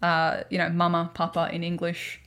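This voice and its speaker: Brief: Australian woman podcast co-host, lower register with gravelly fry, rambling and chatty. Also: completely flat delivery, moderate pace, fairly bright tone. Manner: chatty, rambling, laughs often. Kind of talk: casual explanatory chat.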